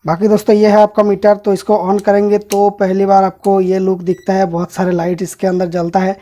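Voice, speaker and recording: On his electronics channel, a man casually unboxes and reviews a device, explaining each part to viewers as he picks it up. His voice is high and warm, yet monotone, and he moves at a brisk clip.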